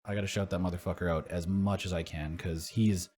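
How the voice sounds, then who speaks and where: A man's voice: sits low, fairly even intonation, a little fast, darkish tone. A young man co-hosting a podcast, chatting casually, swearing freely and laughing easily. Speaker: podcast co-host. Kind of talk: casual chat.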